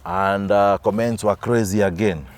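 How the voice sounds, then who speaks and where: A man's voice: lowish voice, steady tone, normal speed. A Kenyan man, an actor as an interview guest, telling stories and often repeating and restarting words. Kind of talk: storytelling interview.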